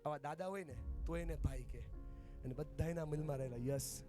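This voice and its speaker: A man giving an animated motivational speech to a family gathering, leading the crowd in call-and-response chants. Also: fairly high pitch, a little fast, over music. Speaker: motivational speaker. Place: outdoor party venue.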